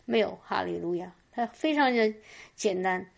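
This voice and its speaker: A woman with a medium-pitched, gravelly voice preaches slowly at a church meeting, giving fervent testimony. She often cries out "hallelujah," stammering and repeating words as she goes.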